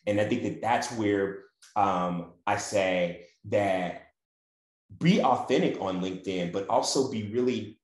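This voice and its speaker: Deep-voiced man with a Mississippi accent. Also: a little mellow. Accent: Mississippi Southern US. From Mississippi, USA. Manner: often tags points with "right?". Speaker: panel guest. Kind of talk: conversational panel talk. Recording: roomy, echoey sound.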